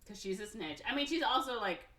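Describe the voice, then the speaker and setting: A woman hosting a podcast and recapping a movie in casual chat. She tells it with animation, says "like" a lot and slips into quick acted quotes. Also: on the high side, animated, sharp tone. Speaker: podcast host. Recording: roomy, from a distance off the mic.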